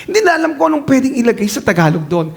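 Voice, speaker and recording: A middle-aged man preaching a lively sermon, slipping into English phrases and laughing as he speaks. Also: very high voice, racing, vocal fry. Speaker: pastor.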